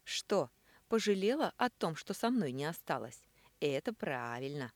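A woman's voice: deep voice, sing-song, dry recording. Woman doing a sneering, hot-tempered man. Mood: mocking. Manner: sneering, loud, quick to anger. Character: brash boozy middle-aged man, mocking, hot-tempered.

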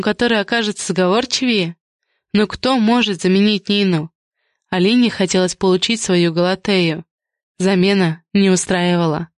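A woman narrating an audiobook in a measured, even storytelling manner. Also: on the low side, no echo, clean studio sound. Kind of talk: scripted narration.

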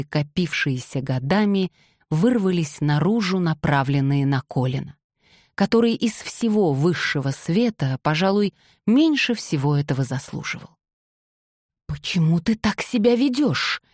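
A female audiobook narrator reads a romance novel from a script in a steady, expressive voice that sits on the low side. The recording is dry and clean, with studio-quality sound.

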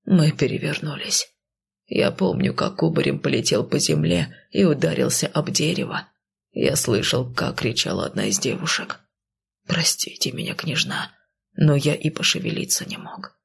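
A woman voicing a timid, guilt-ridden undead male coachman who mumbles and pleads in a hushed voice. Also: fairly high pitch, big pitch swings, moderate pace, creaky, husky, exaggerated voice. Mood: pleading.

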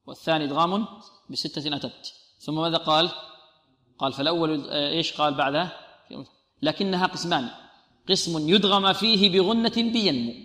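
A man's voice: on the high side, pushed and bright. Man teaching Quran recitation, echoey hall. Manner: explains rules, then drawls verses slowly; asks questions and answers them himself. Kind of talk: tajweed lesson with slow recitation.

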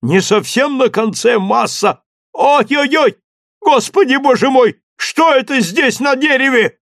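A man's voice: high-pitched, expressive, slow, no echo, clean studio sound, voice pushed up, heavily acted. A man voicing an old male servant, simple and fearful, calling down in a plaintive, wheedling drawl. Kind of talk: audiobook character voice.

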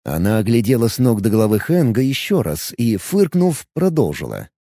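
A man narrating a fantasy audiobook in an expressive storytelling way. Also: mid-range voice, moderate pace, no echo, clean studio sound.

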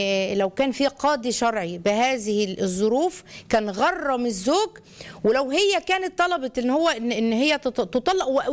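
A middle-aged Egyptian woman hosting an advice show, probing the caller with questions and counseling her in a motherly, emphatic way. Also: fairly high pitch. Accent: Egyptian Arabic. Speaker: radio advice host.

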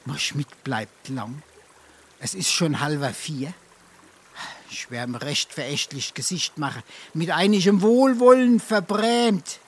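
Datterich, groaning boastful Hessian freeloader. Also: male voice, on the high side, slight background noise. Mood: smug, indignant. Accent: Hessian, Darmstadt. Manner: halting, groaning, self-important. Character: Datterich, brazen boozy freeloader, battered, whining and boastful. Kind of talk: dialect stage comedy monologue.

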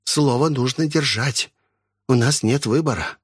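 A man voicing a stern, reproachful old monk who speaks in a measured way. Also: medium pitch, slightly rough, dry recording, clean studio sound. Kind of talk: audiobook character voice.

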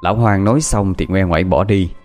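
A man narrating a ghost story in a lively, expressive way. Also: deep voice, a little fast, faint music behind.

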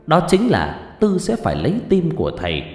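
A man's voice: a little high, huge pitch swings, normal speed, darkish tone. A man reading a horror story aloud as a scripted narration. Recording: roomy reverb with faint music.

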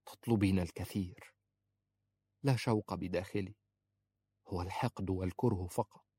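A man's voice: low-pitched, steady tone, moderate pace, warm tone, slightly rough, no echo. A man voicing a bitter, heartbroken young woman who mutters her words. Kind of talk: audiobook character voice.

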